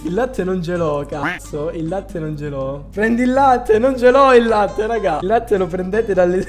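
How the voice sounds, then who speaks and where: High-voiced excitable young male streamer. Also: a little slow, soft background music. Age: young adult. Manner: excitable, exclaiming to viewers. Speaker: livestreamer. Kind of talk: casual livestream chat. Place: small indoor room.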